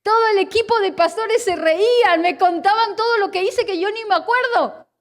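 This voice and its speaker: A woman pastor in her forties with a Spanish accent preaches from the pulpit, her voice sitting high. She tells a personal testimony in a lively, storytelling way, dropping to near-hushed moments and then rising to emphatic ones. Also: normal speed. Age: 40s. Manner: storytelling, animated, swings between hushed and emphatic.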